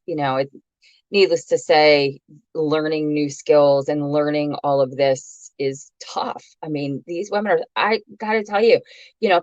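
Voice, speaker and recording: A woman's voice: low-pitched, no echo, lo-fi sound. A woman hosting a live beauty webinar from home, chatting nervously and gushing over viewers, with many fillers and restarts. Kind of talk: casual live-stream chat. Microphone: webcam or laptop mic on a video call.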